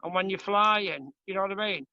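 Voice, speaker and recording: A man's voice: sits high, fairly quick, pushed and bright, dry recording, dull audio. A man with a northern English accent in casual, blunt, colloquial pub-style chat about sport as a fan and host. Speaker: host, fan asking questions of a player. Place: small room in a home, kitchen.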